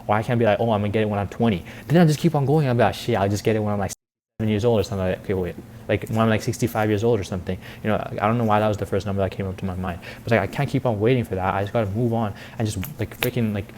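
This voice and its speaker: This is a young man of eighteen, a content creator and vlogger, pouring out a rambling, confessional monologue thick with slang, fillers, and repeated "like" and "bro." His voice is on the low side and a little mellow, and he speaks rapid-fire. Slight background noise can be heard.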